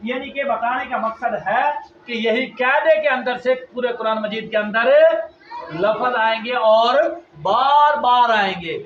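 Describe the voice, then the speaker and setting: Man, Pakistani Urdu accent, very high voice, distant and muffled, noisy echoey room, repetitive drilling. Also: a little slow. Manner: repetitive questions, drilling answers, loud emphasis. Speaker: Quran reading teacher. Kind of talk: classroom lesson to children.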